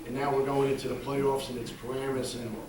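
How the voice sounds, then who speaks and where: A man's voice: mid-range voice, flat delivery, a little fast, background noise. A middle-aged man, a football coach, giving a heartfelt banquet speech, telling stories with casual asides. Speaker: high school football coach. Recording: echoey hall, distant mic, loud crowd. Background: audience laughing and cheering.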